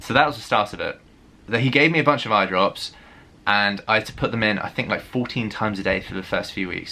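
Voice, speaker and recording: A man's voice: fairly low pitch, bright, forceful tone. A young man telling a personal story in a vlog, candid and chatty with lots of fillers. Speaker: vlogger.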